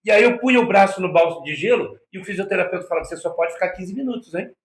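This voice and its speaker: Fast-talking and animated, this man has a high-sitting voice and a Brazilian Portuguese accent. As an interview guest in an echoey room, he tells a personal story, voicing the quoted lines in different voices.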